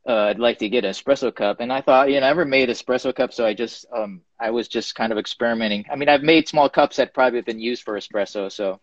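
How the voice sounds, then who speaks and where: A man's voice: medium pitch, fast, hardly any pauses, no room sound, dull audio. A man talking casually from his pottery studio over a live video stream, rambling with lots of ums as he shows his work. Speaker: guest ceramic artist. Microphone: phone or webcam on a live video stream.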